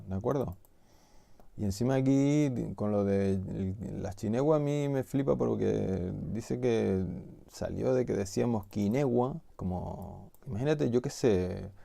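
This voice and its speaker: Canarian guy ranting to camera, deep dark voice, indignant, keeps asking rhetorical questions. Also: vocal fry, no echo. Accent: Canarian Spanish. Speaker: video host. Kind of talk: casual explanatory monologue.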